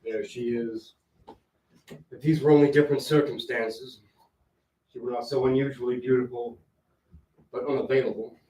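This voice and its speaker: An actor playing a courteous, bemused, lovelorn newcomer in a comic stage show. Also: male voice, medium pitch, steady tone, moderate pace, pauses often, dark tone, natural voice. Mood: smitten. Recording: echoey, distant, noisy stage recording.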